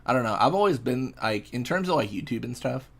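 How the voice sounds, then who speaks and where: A man's voice: mid-range voice, lively intonation, brisk, vocal fry. A young man casually chatting and reacting while streaming a fishing game, laid-back and rambling as he answers chat.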